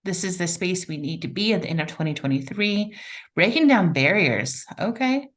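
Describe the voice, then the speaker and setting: A woman's voice: on the low side, expressive, normal speed. A woman hosting a live webinar, enthusiastically reading out chat responses. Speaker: webinar facilitator.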